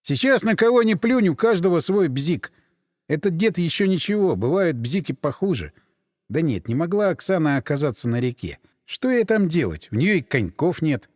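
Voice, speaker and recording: Man narrating expressively, lively pitch. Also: moderate pace, dry recording, clean studio sound, in a large hall. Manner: expressive, wry storytelling. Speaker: audiobook narrator. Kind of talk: first-person audiobook narration.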